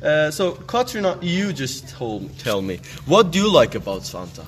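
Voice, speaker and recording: A man's voice: on the high side, very animated, normal speed, a little hiss or hum. A young man hosting a casual podcast interview, hesitant and full of filler sounds and restarts. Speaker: podcast host interviewing teens.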